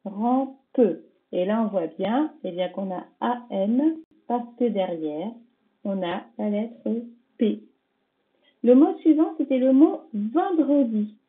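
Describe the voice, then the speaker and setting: Slow, patient woman teacher on tinny audio. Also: a little high, expressive. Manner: sounds out words syllable by syllable, stressing each sound; patient, checks in with the pupils. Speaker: primary school teacher. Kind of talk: recorded dictation correction for young pupils.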